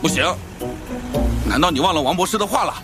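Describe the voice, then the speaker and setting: A man playing an excitable, bossy yet hapless everyman in an animated cartoon. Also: a little high, fast talker, close to an everyday voice. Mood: exasperated, proud. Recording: loud music over the voice.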